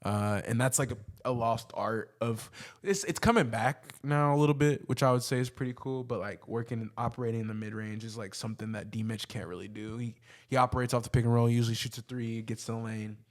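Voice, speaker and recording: A man's voice: medium pitch, steady tone, brisk, few pauses. Casual, slangy man talking sports. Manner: slangy, conversational. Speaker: sports podcast host giving opinions.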